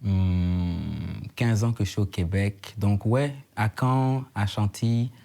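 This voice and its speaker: A man's voice: fairly low pitch, steady tone, takes it slowly, dark tone. A man in his thirties from Côte d'Ivoire, a slam poet talking thoughtfully in an interview and repeating phrases for emphasis. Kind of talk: casual interview chat.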